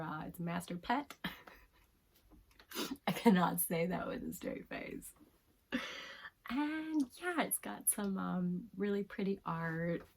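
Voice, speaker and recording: A woman casually reviewing manga, talking softly in a half-whisper with frequent giggles and plenty of fillers and restarts. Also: medium pitch, vocal fry, poor audio.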